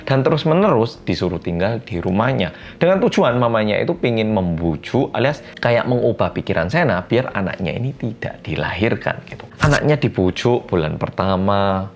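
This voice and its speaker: A man, casually retelling a story in a chatty, animated way. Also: lowish voice, moderate pace, hardly any pauses, lo-fi sound, slight background noise.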